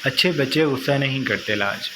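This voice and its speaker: A man voicing a stern but tender young husband, calm and coaxing, over a noisy recording. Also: medium pitch, a little fast, natural voice.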